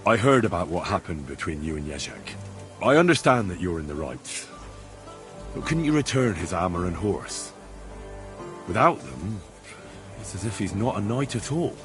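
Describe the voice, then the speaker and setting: Polite young hero, video game, earnest, conciliatory, expressive, faint music. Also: male voice, sits low, moderate pace, pauses often. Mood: earnest, appealing. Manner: courteous, conciliatory. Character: polite, earnest young male adventurer negotiating. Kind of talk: video game dialogue acting.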